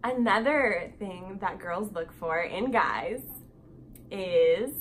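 A woman hosting a casual chat, upbeat and quick to agree, with lots of fillers. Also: medium pitch, a little hiss or hum. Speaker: host.

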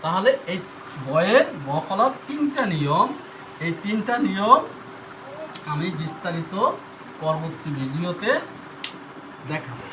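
A man's voice: high-pitched, lively intonation, a little slow, pauses often, background noise. A man teaching a pronunciation lesson, spelling words out letter by letter and answering his own questions step by step. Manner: asks the viewer questions then answers them. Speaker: Bengali grammar teacher.

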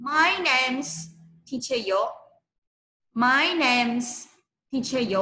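A woman teaches young children English over a video call. She talks slowly and patiently, repeating each word for the class to copy. Her voice sits a little high, and the call sounds roomy with a faint hum. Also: sharp tone. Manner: slow, patient, repeats words for kids to copy. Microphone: video call mic.

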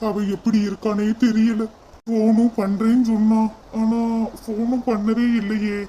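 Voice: medium pitch, little pitch movement, unhurried, warm tone, a little hiss or hum, lightly acted, low-quality recording. A performer voicing a troubled, stubborn young son in a cartoon, brooding and irritable.

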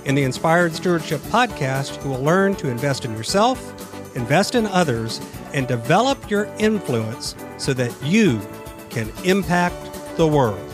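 A man hosting a podcast, reading a scripted intro and asking interview questions in an earnest, measured way. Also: fairly high pitch, big pitch swings, over music. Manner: earnest, measured announcer delivery. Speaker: podcast host.

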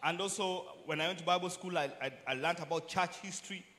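A man preaching a sermon in a church, speaking in short phrases and pausing for an interpreter. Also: high voice, fairly even intonation, bright, forceful tone.

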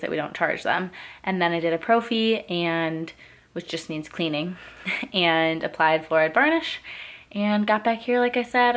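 A woman's voice: low voice, fairly bright tone. A woman in her twenties, a dental student, chatting casually to a laptop camera in her bedroom at night, rambling through her day. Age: 20s. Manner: chatty and rambling, quick asides.

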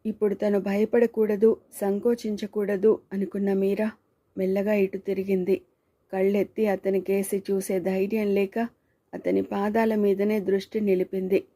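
A woman narrating a storybook in a calm, even reading manner. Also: medium pitch, normal speed. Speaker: audiobook narrator.

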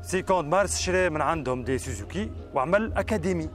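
Speaking fast and animatedly in a fairly high voice, a thirtysomething car reviewer with a Tunisian accent hosts a casual test drive, chatting away and slipping in French words. He starts outdoors in the desert, then moves inside the car, with music playing under his voice.

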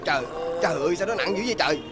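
A woman's voice: fairly low pitch, animated, over loud music, close to an everyday voice. An actress playing a blunt young woman who scolds a drunk friend. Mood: exasperated. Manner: fast, exasperated scolding.

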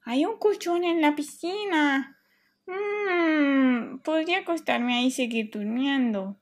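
A woman voicing a sleepy, whiny little girl in a children's toy play story, in a high, squeaky childlike voice. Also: slow pace. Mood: sleepy, puzzled.

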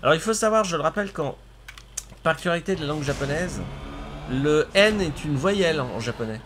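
A man's voice: on the high side, lively intonation, brisk, noisy background. A man streaming a video game with his cousin, chatting casually, exclaiming at the action and laughing often. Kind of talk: casual gaming commentary.

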